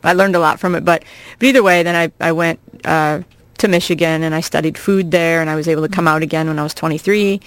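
A woman in her forties from Iowa, a comedian guest chatting casually on a radio show, quick-witted and laughing often with animated punchlines. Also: low-pitched, clear, resonant tone, dry recording. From Iowa, USA. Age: 40s. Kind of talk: casual radio interview chat.

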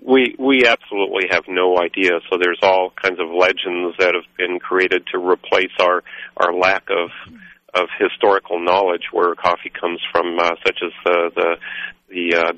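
Deep bright-toned guy from guatemala rambling on about his craft, dry dull radio sound. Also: flat delivery, no room sound. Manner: rambling, halting, full of fillers. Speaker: coffee roaster, guest. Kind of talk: radio interview.

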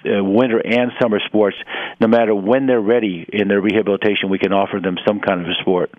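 A man in his sixties explaining things as a radio interview guest, speaking haltingly with many pauses and repeated words. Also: fairly low pitch, fairly even intonation, no room sound, phone-quality sound. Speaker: interview guest, head of an adaptive sports organization.

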